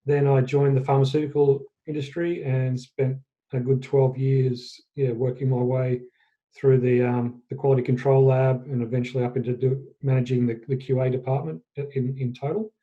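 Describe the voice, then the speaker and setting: Dark, flat-voiced Australian man. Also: medium pitch. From Australia, central Queensland. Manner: halting, self-correcting storytelling. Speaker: guest, fitness business owner. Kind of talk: casual interview storytelling. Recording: dull lo-fi podcast audio.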